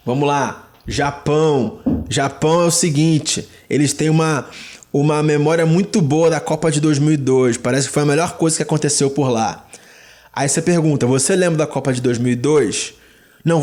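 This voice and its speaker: Young brazilian guy giving travel tips, kinda high voice, slangy and chatty. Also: darkish tone. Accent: Brazilian Portuguese. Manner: chatty, slangy, sprinkles interjections. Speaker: travel vlogger. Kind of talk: casual tips to camera.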